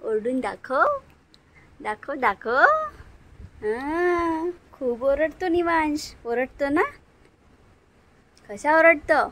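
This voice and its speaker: A woman's voice: high-pitched, extremely slow, pauses often, a bit bright, low-quality recording. A young mother with a Marathi accent, talking in singsong baby talk to her infant at home while she films on a phone. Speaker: mother and vlogger. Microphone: phone camera.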